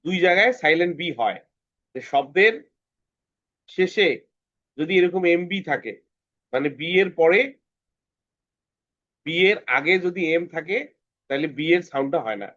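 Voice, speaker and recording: A man's voice: on the high side, expressive, normal speed, long pauses, a bit bright, highs cut off. A man with a Bangladeshi Bengali accent teaching a children's phonics lesson, patiently repeating words for the kids to say after him. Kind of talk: online kids' phonics lesson.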